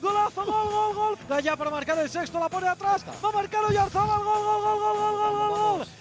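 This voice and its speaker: A man giving breakneck live football commentary on the radio, frenzied, with drawn-out repeated shouts of goal. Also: very high-pitched, fairly even intonation. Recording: radio commentary with music over it.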